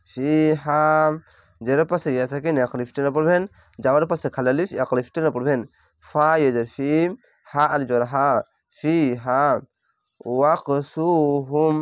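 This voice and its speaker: A man teaching Quran reading in Bengali, spelling out each letter and vowel mark before blending the full word, with calm step-by-step explanations. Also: medium pitch, no room sound, studio quality. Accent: Bangladeshi Bengali. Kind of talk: slow spelled-out recitation lesson.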